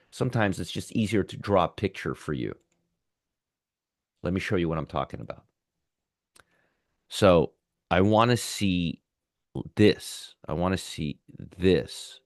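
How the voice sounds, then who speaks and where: A man's voice: sits low, dry recording, studio quality. A man hosting a live market commentary show, feeling sick with a sore throat, explaining conversationally and repeating his points. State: under the weather, sore throat. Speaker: host of a live pre-market trading show.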